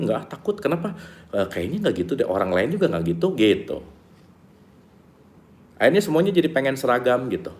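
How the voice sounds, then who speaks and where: A man's voice: on the low side, a little mellow. Chatty man teaching from a book. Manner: chatty and playful, repeats key lines, acts out little scenes. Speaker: book study leader. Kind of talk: casual teaching talk reading from a book.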